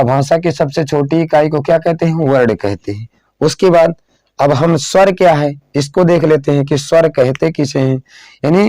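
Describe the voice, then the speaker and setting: A man teaching a lesson, slowly repeating phrases and asking questions that he then answers himself, sometimes drawing words out as he writes on a board. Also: on the high side, gravelly, dark tone, no echo. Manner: drawn-out dictation while writing on a board. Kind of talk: classroom lesson.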